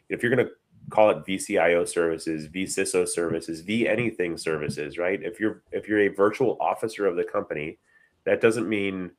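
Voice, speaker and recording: A man hosting a casual panel chat over a video call, stressing key words emphatically and laughing lightly. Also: sits low. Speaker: host.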